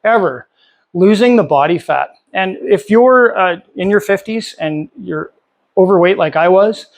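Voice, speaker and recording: A man's voice: high voice, measured pace, vocal fry. A man in his fifties talking casually and candidly to camera as a vlogger, with many fillers and restarts. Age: 50s. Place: home workshop.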